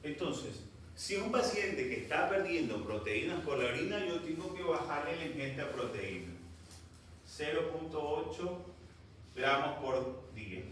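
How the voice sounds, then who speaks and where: In an echoey classroom recorded from afar, a man teaches medicine to students, sometimes turning stern and reproachful. His voice sits on the high side, animated and a bit bright, and he takes his time. There's slight background noise.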